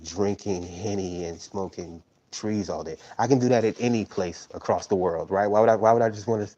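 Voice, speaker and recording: A man's voice: fairly low pitch, brisk, dark tone, muffled recording. A man in his thirties hosting a tarot live stream, rambling casually and tagging his points with "right?". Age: 30s. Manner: rambling, tags sentences with "right?".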